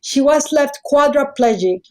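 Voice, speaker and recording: Here the podcast host, a middle-aged woman who grew up speaking Spanish and has a Mexican accent, talks a little slowly in a high voice with lively intonation. Her casual introduction is effusive and keeps drifting into side topics.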